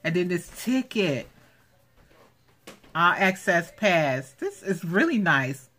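Woman, craft vlog host, gushing, excitable, unhurried, slightly low voice. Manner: gushing, excitable, repeats exclamations. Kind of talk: unboxing vlog. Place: home. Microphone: handheld camera.

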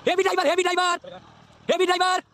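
With an extremely high-pitched voice and fast delivery, a young adult travel vlogger excitedly calls out and cheers as he crosses a river on foot and makes his way to a waterfall. He records on a phone at arm's length, and the outdoor audio is noisy.

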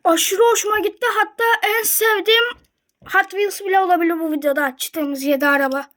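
A young woman talks casually and excitedly to her viewers. She unboxes toy cars and fills the talk with quick reactions and comments. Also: very high voice. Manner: chatty and excited, addresses viewers directly.

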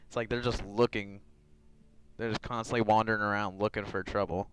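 A man chats casually on a live stream, wandering through his thoughts with fillers and little laughs. His voice is a touch low and very smooth, picked up close on a headset. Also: flat delivery, fairly quick, fairly bright tone, no echo, poor audio. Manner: rambling, with frequent fillers and chuckles.

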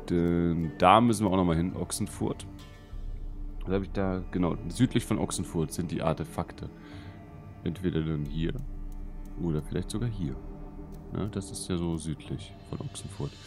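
A man talking casually through a video game in a deliberately lowered, deep put-on voice, chatty and muttering to himself with loud exclamations. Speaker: let's play gamer. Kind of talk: casual gameplay commentary.

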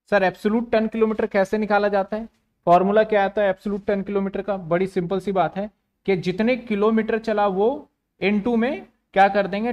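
A man giving a commerce lecture, asking questions and answering them himself, often repeating phrases. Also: high-pitched. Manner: repetitive, asks and answers his own questions. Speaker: commerce teacher. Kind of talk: online classroom lecture.

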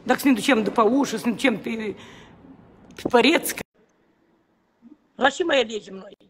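An indignant man with a strikingly high voice vents at a government entrance as he films on a phone. His words bounce around a reverberant hall. Faint ambience hums underneath. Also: fairly bright tone, slight background noise. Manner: indignant, repetitive, exclaiming. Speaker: protesting citizen filming. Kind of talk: heated complaint to camera. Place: government building entrance, indoors.

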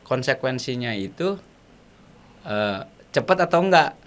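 A man, explaining ideas as an interview guest, animated and often searching for words with fillers. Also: medium pitch, unhurried. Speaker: guest speaker.

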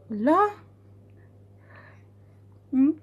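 A young woman teases her baby in playful baby talk, humming and cooing between lines. Her voice sits high and swoops widely, and she takes her time with every word. It's a casual phone recording made at home. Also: big pitch swings, drawn-out words, muffled recording. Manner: teasing, coos and hums, laughs often. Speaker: mother talking to her baby. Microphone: phone camera.

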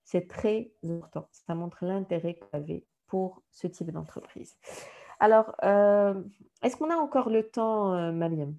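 A woman with a Moroccan French accent leads an online job-interview workshop. Her voice is warm and mellow, sitting at a middle pitch. She teaches methodically, numbering each point. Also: a little slow, dull audio. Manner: didactic, enumerating points, acts out recruiter lines. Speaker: career workshop trainer.

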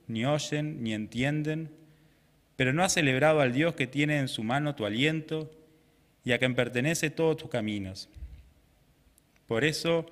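A young man serving as lector, reading scripture at Mass in a measured, solemn way. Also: medium pitch. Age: young adult. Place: small chapel, indoors. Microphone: microphone at a lectern. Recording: reverberant chapel sound.

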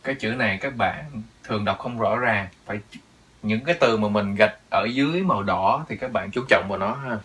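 A man's voice: fairly low pitch, a little fast, a bit bright, slightly rough. A man teaching English pronunciation in Vietnamese, repeating each word with emphasis. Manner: drills words, repeats them with emphasis. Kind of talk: pronunciation lesson.

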